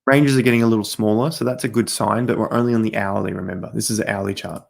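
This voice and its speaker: Host type: low, gravelly man, chatty livestream chart talk straight to camera, voice fraying and hoarse. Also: fairly even intonation, quick pace. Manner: chatty, talks straight to viewers while walking through charts. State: losing his voice, coughing. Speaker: crypto market host. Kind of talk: casual livestream chart commentary.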